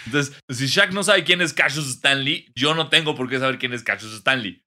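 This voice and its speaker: A man's voice: medium pitch, bright, forceful tone. A young man with a Mexican accent co-hosting a casual sports podcast, riffing playfully and recording remotely from home. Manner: playful, riffing, quick to laugh. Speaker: podcast co-host.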